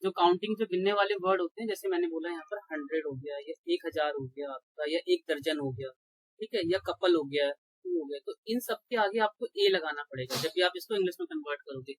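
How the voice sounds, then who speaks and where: A man's voice: a little high, expressive, fairly quick, husky, no room sound, poor audio. A man teaching an exam-prep grammar lecture, explaining rules step by step, checking in with his students and answering his own questions. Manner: asks rhetorical questions and answers them.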